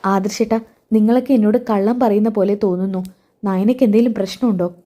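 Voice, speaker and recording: A woman's voice: mid-range voice, fairly even intonation, fast, warm tone, natural voice. A woman reading the part of a hurt, defiant young pregnant wife who confronts her in-laws. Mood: worried. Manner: pleading and confrontational.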